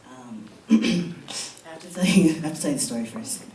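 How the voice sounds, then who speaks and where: A man's voice: a little high, expressive, moderate pace, darkish tone. A man performing spoken-word poetry with rhythmic, emphatic repetition, chatting loosely between poems. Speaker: poet. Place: college event room. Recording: echoey room, distant mic, faint hiss.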